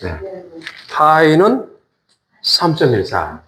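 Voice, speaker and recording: A man teaching a class, patiently repeating each word and joking with students. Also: slight background noise. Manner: slow, lively pitch, drawn-out repetitions. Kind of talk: classroom lesson.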